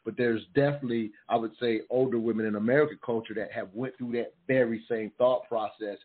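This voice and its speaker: Male talk show host, slightly husky. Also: mid-range voice, fast. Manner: relaxed, friendly, affirming. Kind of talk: call-in radio talk. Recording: tinny phone-like audio.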